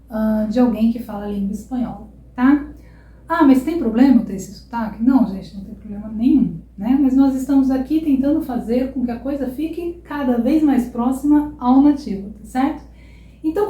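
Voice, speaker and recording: A Brazilian woman teaching a Portuguese lesson online, repeating example words slowly and checking in with "tá?" and "ok?". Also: a little high, mellow, reverberant. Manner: slow, drawn-out repetition of example words; checks in with frequent "tá?" and "ok?".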